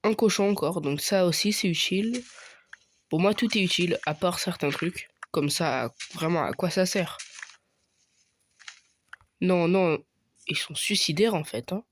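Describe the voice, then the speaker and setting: A man's voice: high voice, unhurried, pauses often, no room sound. Young man hesitantly narrating a game. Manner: hesitant, many fillers, thinking aloud while playing. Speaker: gaming youtuber. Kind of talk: casual gameplay commentary.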